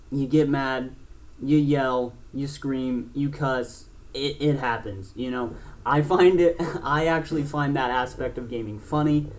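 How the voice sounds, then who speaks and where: A blunt young man in his twenties talks straight to camera as a gaming channel host. His delivery rambles, full of fillers and restarts, and he swears freely. His voice sits at an ordinary middle pitch for a man. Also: a little mellow. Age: 20s. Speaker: gaming YouTuber. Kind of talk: casual talk to camera.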